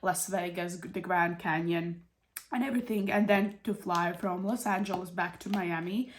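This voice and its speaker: A woman's voice: fairly low pitch, steady tone, normal speed, a little hiss or hum. A woman from Europe with a cold, talking casually through a stuffed-up nose as she explains things to her channel's viewers. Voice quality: stuffed-up, congested nasal voice. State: sick with a cold and runny nose. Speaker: budgeting channel host. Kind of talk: casual explanatory vlog talk.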